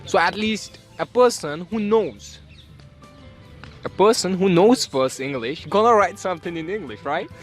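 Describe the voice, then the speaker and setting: A man, a student chatting in a group interview, animated, sometimes acting out other people in a high voice. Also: a little slow, soft background music. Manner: animated, acts out puzzled locals in a high voice.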